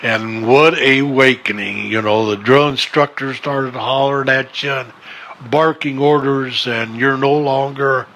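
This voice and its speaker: A man's voice: medium pitch, steady tone, sharp tone, a little hiss or hum. American man in his seventies, old veteran remembering. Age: 70s. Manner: old veteran remembering, plain-spoken with pauses. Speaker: retired Marine veteran interviewee. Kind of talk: interview recollection.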